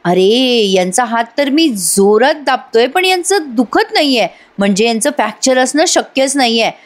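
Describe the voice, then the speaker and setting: Woman reading a measured male doctor, slightly high voice, unhurried questions. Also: expressive, close to an everyday voice. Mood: calm. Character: calm male doctor, coolly exposing a fake injury.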